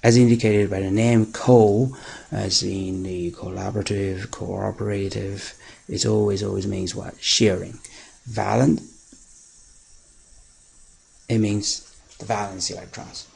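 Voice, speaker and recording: A man teaching chemistry in a recorded lecture, explaining step by step with pauses and fillers and stressing key words. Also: lowish voice, flat delivery, mellow, poor audio. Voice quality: very gravelly and raspy.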